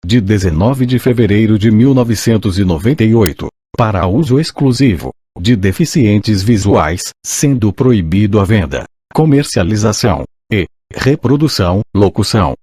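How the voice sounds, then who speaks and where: A synthesized male voice with a Brazilian accent, like an old speech synthesizer, reading an audiobook in a mechanical, measured way. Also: lowish voice, animated, mellow, husky, no echo. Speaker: audiobook narrator. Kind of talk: scripted audiobook reading of a list of laws and credits.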